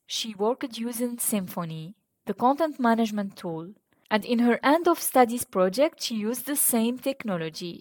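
Tunisian-accented woman hosting, higher-pitched voice. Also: darkish tone. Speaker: podcast host. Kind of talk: scripted narration.

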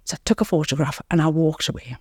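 A woman's voice: sits low, fast talker, darkish tone, breathy edge, no echo, clean studio sound. Earnest woman sharing her recovery story. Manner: earnest, repeating words, frequent "you know"; reflective storytelling. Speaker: podcast guest. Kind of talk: candid recovery interview.

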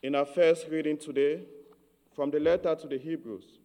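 A man from Cameroon giving a measured, earnest homily as a priest. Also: on the high side, steady tone, warm tone, in a large hall.

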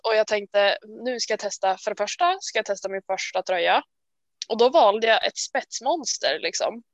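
A woman co-hosting a casual chat, talking in a chatty, self-deprecating way full of quick restarts. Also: medium pitch, no room sound. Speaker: podcast co-host. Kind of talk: casual chat about knitting.

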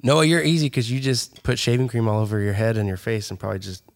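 A man's voice: medium pitch, steady tone, quick pace. A man hosting a podcast, bantering casually and joking about himself. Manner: joking, self-deprecating. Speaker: podcast host.

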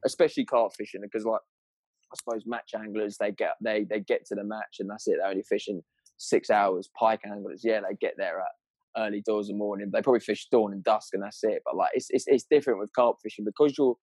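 A man's voice: fairly low pitch, steady tone, fast talker, darkish tone, no room sound. A man with a southern English accent telling anecdotes in casual, sweary, slangy chat, rambling along in a matey way.

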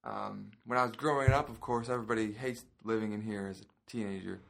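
A young man from Indiana who is training as a chef, chatting as a podcast guest in a relaxed, laughing way with lots of hesitations. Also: on the low side, quick pace, creaky. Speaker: podcast guest, culinary student. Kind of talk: casual chat.

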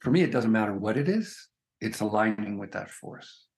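A spiritual teacher talks through his ideas in an earnest, emphatic way, stopping to ask "right?". His voice sits on the low side, with a gravelly fry under it. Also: lively intonation, normal speed, a little mellow. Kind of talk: reflective conversation.

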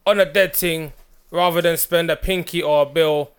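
A man's voice: a little high, fairly even intonation, normal speed, clean tone. A young man with a London roadman accent in casual, slang-heavy banter as a podcast co-host, insistently repeating himself to make his point. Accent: London roadman, multicultural London slang.

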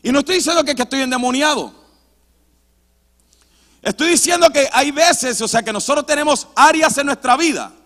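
A man with a strikingly high voice preaches a sermon that mixes in personal testimony, emphatic and moving between loud and hushed delivery. His voice carries a long reverb from the church sanctuary, as if heard across a big hall. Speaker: pastor.

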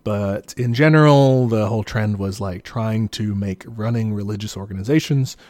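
A low-pitched man talks through history at an easy, conversational clip, leaning on casual fillers as he explains. The sound is dry and close, with no room around it. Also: moderate pace, no room sound. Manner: relaxed, explanatory, peppered with "like" and "you know". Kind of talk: casual podcast chat.

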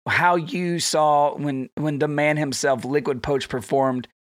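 A man's voice: a little high, steady tone, measured pace, no room sound, studio quality. A man hosting a casual podcast while sick, his voice strained, chatting in a rambling way with fillers. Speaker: podcast host.

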